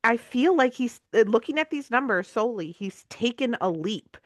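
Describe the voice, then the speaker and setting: A woman's voice: a little high, animated, moderate pace, no room sound. Woman, co-host, casual chat, playful, slangy, dry close sound. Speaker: podcast co-host.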